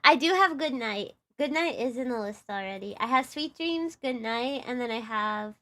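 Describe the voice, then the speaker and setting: Young woman, Texan accent, high bright voice, bubbly, rambling, casual live-stream chat. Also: lively intonation, normal speed. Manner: bubbly, giggly and rambling, full of "like". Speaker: livestreamer and VTuber.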